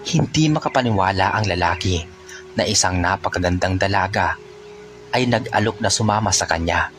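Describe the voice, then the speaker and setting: A man narrating a folk tale in a steady, unhurried storytelling manner. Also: deep voice, soft background music.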